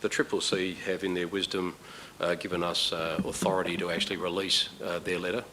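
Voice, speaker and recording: A man chairing a council meeting as mayor, answering questions in a measured, hesitant way with many fillers. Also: low-pitched, level tone, bright, forceful tone, slight background noise.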